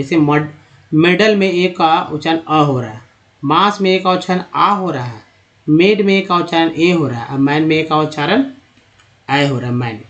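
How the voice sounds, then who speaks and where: A man giving a patient pronunciation lesson, spelling words out letter by letter and repeating them slowly. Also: on the high side. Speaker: English teacher. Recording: dull lo-fi recording.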